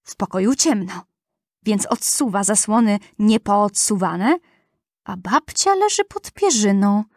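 Slow, gentle woman storyteller. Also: medium pitch, lively intonation, no room sound, studio quality. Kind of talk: rhyming fairy-tale narration.

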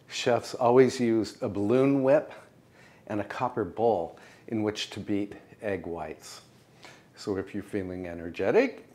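An older American man hosting a home cooking show, explaining each step in a calm, precise, gently encouraging way in his kitchen. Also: lowish voice. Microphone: lapel mic.

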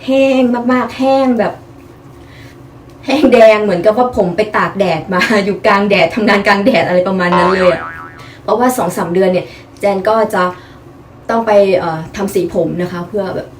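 A woman's voice: medium pitch, a little hiss or hum. A young woman chatting politely through a casual product review vlog, explaining each piece in turn. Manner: chatty, polite, frequent soft particles.

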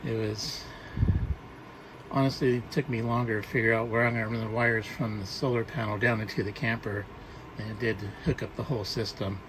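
A man filming a walk-through of his camper trailer on a handheld phone, explaining things in a plain, halting way with many ums and restarts. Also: fairly low pitch, steady tone, background noise. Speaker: camper owner showing a solar install. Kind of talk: casual walk-through narration. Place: outdoors and inside a small camper trailer.

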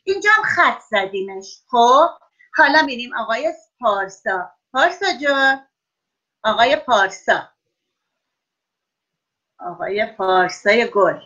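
Bright high-voiced woman teaching young children online. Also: lively intonation, lo-fi sound. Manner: encouraging, praises often, stretches words slowly for dictation. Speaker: primary school teacher. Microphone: video call.

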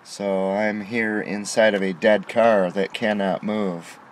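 A middle-aged man records a frustrated monologue at night from his parked car, the dashboard camera trained on him as he indignantly presses his grievances. He talks slowly in a lowish, flat voice, and there's a little hiss or hum.

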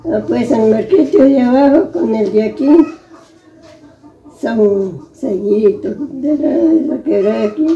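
A frail woman over a hundred, speaking with a rural Nicaraguan accent. Her voice sits a little high and is very dark and mellow in tone. She recounts memories conversationally, repeating herself, in a slightly muffled lo-fi recording. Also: a little slow, roomy sound. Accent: rural Nicaraguan Spanish. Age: over 100, very old. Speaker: interviewee. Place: small brick room at home. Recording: dull lo-fi phone video sound.

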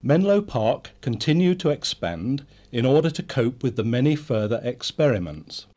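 A man giving scripted documentary narration in a measured storytelling manner. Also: medium pitch, big pitch swings, mellow.

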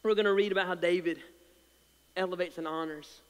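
High-voiced preacher with a slight lisp. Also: male voice, steady tone, fairly quick, smooth, big-room sound. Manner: passionate preaching, swells loud then drops soft, repeats words. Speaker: pastor. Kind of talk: sermon. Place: church sanctuary.

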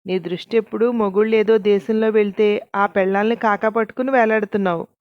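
A woman's voice: mid-range voice, steady tone, brisk, muffled recording, natural voice. A woman voicing a blunt, defiant male mason who fires back taunting retorts in a told story.

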